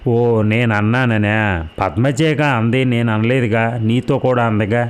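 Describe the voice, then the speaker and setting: A man voicing a shy young village girl in a storybook reading, using a soft, raised childlike voice. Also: mid-range voice, a little slow, clear, resonant tone, lightly acted. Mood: bashful.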